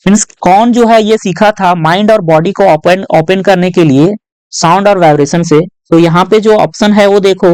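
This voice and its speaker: A man tutoring students through exam questions in a patient, step-by-step way, often adding short tag questions and reading English lines aloud slowly. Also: high voice, a little mellow, clean tone, no room sound, rough recording. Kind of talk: exam-prep lesson walkthrough.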